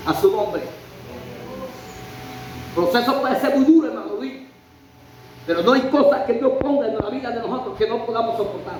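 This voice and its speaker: A man's voice: very high-pitched, normal speed, long pauses. A man preaching a sermon, emphatic and full of rhetorical questions and a repeated refrain. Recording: very echoey church hall, faint noise.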